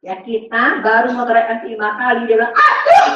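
A woman's voice: fairly high pitch, flat delivery, fairly quick, heavy background noise. A woman giving an interactive parenting seminar, quizzing the audience and acting out parent and child voices. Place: large seminar hall with audience. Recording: very echoey, distant, dull hall recording.

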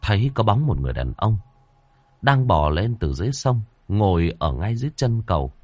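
Man narrating a ghost story, lively. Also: fairly low pitch, brisk, dry recording. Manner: dramatic, expressive storytelling. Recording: dry close voice over faint music.

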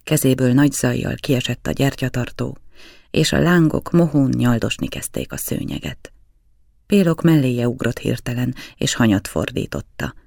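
A man reading a novel aloud in measured, even storytelling narration. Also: mid-range voice, gravelly, dry recording, studio quality. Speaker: audiobook reader.

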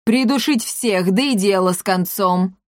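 A woman's voice: medium pitch, unhurried, no echo, clean studio sound, natural voice. Woman doing a roaring old ghost general. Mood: menacing. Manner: roaring, threatening. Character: old ghost general, gruff and menacing, male.

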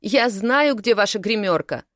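A woman's voice: low-pitched, very animated, unhurried, no room sound, clean studio sound. A woman voicing a rude, whiny twelve-year-old girl in a storybook reading, snapping and whining. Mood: defiant.

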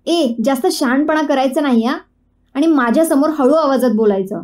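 A cocky, scornful young man trades barbs in a storybook tale, put on by a woman narrator. The voice sits high and mellow, with a taunting, mocking edge. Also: normal speed, natural voice.

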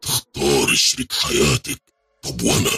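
A man voicing a possessive, lovesick male jinn in a horror story, speaking slowly and low with an Egyptian accent. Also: sharp tone, no echo, faint music behind, lightly acted. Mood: hurt. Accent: Egyptian Arabic.

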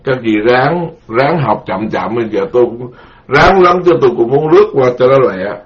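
A middle-aged man, a Buddhist monk giving a dharma lecture, speaking slowly and repeating key terms for his listeners. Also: mid-range voice, animated. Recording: dull lo-fi recording.

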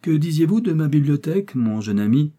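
A man voicing a kindly, jovial old gentleman speaking to his relatives at dinner. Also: mid-range voice, sing-song, fairly quick, breathy edge, pitched above the performer's own voice. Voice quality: genial, warm-hearted.

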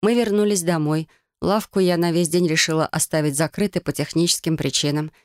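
Steady audiobook narrator, dry close sound. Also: mid-range voice, fairly quick, no echo. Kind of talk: first-person storybook narration.

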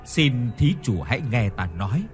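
A man voicing a kindly older Buddhist master who preaches gently and calmly. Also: medium pitch, moderate pace, soft background music, natural voice. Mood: calm, preaching.

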